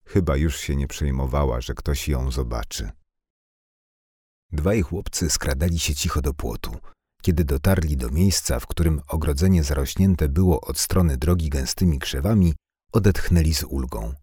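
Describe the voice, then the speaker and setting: A man reading a novel aloud as narrator, in steady, even storytelling. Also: a bass voice, moderate pace, slightly rough, no room sound, clean studio sound. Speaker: audiobook narrator. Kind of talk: scripted narration.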